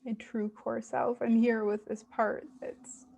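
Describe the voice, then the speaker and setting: Woman, unhurried and soft, a bit of vocal fry; gentle self-reflection demo, halting pauses. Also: a little high, level tone, a little hiss or hum. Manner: gentle, soothing, hesitant with pauses. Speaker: IFS parts work demonstrator. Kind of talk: reflective self-guided therapy demonstration.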